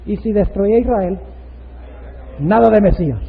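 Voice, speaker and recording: A man's voice: high voice, expressive, normal speed, vocal fry. A male pastor preaching a sermon, emphatic and full of rhetorical questions. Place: church. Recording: tinny, echoey hall, radio-like.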